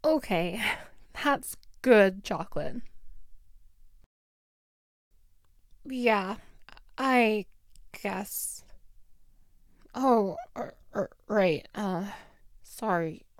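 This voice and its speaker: A woman's voice: mid-range voice, animated, very slow, long pauses, dry recording, studio quality. A woman playing a hot-tempered, sarcastic teenage school bully in an audio role-play, with a taunting, theatrical drawl. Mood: reluctant, awkward. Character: snarky, hot-tempered school bully girl, grudgingly softening.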